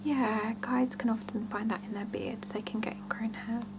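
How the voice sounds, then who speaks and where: In an ASMR salon roleplay, a woman plays a scalp-check attendant, speaking gently and reassuringly to a client in a one-sided chat. She mixes a breathy whisper with soft voicing, her pitch on the high side and her intonation fairly even. She speaks slowly with murmured pauses, and the background is noisy.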